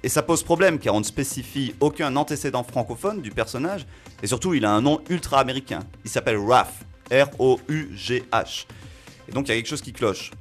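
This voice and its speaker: Man, radio film critic, animated spoken review, mid pitch, faint music underneath. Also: a little fast. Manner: animated, reasoning aloud with fillers.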